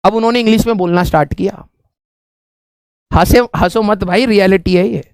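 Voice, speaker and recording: A man, his voice pitched very high, tells a comic classroom story in an animated way and laughs often. The sound is dry and close, with no room echo. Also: normal speed, smooth. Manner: animated, laughs often, repeats "theek hai" as a filler. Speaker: teacher telling a story to students.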